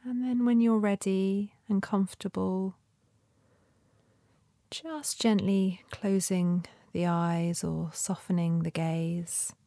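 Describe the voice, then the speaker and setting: A woman leading a guided meditation in a soft, breathy, often near-whispered voice with a gentle, soothing manner and long pauses. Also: mid-range voice, steady tone, no room sound, clean studio sound.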